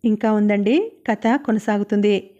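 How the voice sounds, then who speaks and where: A woman narrating a novel as an audiobook in a steady, even reading manner. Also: mid-range voice, measured pace, dull audio.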